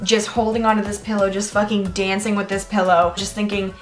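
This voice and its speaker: A young woman in her twenties telling a personal story to the camera, animated and profane, peppered with "like". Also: medium pitch, faint music behind. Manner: animated, profane, fast bursts with lots of "like". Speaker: vlogger. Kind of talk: storytime monologue.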